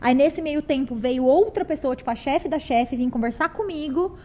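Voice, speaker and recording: Uma mulher brasileira convidada de podcast, contando histórias de forma animada e enfática. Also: female voice, sits high, normal speed. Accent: Brazilian Portuguese. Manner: animated, emphatic storytelling. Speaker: guest actress and presenter. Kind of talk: casual podcast chat. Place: podcast studio.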